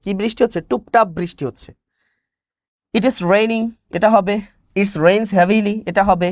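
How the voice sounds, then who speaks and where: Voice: mid-range voice, fairly even intonation, measured pace, darkish tone, no echo, clean studio sound. An exam-prep teacher, giving a live online class, who asks questions, answers them and repeats the key words.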